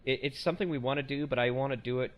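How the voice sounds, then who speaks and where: A man's voice: mid-range voice, steady tone, rapid-fire, muffled recording. A man hosting a casual podcast, rambling and self-correcting with a joking tone. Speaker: podcast host.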